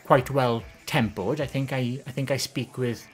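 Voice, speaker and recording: On her stream, a soft-spoken woman from the Welsh Valleys chats casually while answering questions from viewers. Her gentle voice is lower and less feminine in tone, and she meanders along with frequent ums and self-corrections at a moderate pace over faint music.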